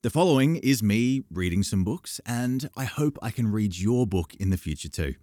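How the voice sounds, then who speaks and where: A man's voice: moderate pace, dry recording, studio quality. A man reading an audiobook demo reel, voicing each character. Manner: expressive, voices characters with raised pitch. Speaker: audiobook narrator.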